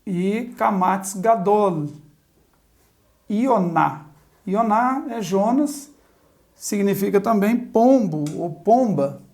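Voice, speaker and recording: A woman's voice: mid-range voice, lively intonation, extremely slow, pauses often, darkish tone. A woman teaching a Biblical Hebrew grammar lesson at a chalkboard, methodically spelling out letters and vowels one by one. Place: classroom with a chalkboard.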